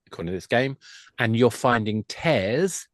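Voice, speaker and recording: A middle-aged man with a mid-range voice talks animatedly at a moderate pace as a guest on a podcast. An expert in the games industry, he discusses his work in a self-deprecating, conversational interview style. The recording is clean studio sound with no echo.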